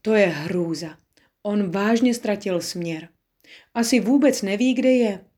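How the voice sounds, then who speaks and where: A woman voicing a soft-hearted little girl in a storybook reading, frightened and sobbing as she pleads. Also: mid-range voice, lightly acted. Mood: frightened, pleading. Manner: tearful, sobbing. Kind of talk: audiobook reading.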